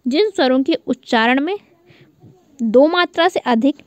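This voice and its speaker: A woman's voice: sits high, lively intonation, a little slow, a little mellow, no room sound, dull audio. A woman teaching an online class, repeating key points as questions to her students and stretching out vowel sounds to show their length.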